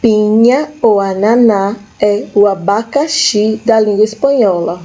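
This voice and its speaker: Slow, mellow-voiced Brazilian teacher. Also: female voice, mid-range voice, highs cut off. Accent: Brazilian Portuguese. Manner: slow, patient, repeats each word for young learners. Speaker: school teacher. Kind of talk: recorded classroom lesson for children.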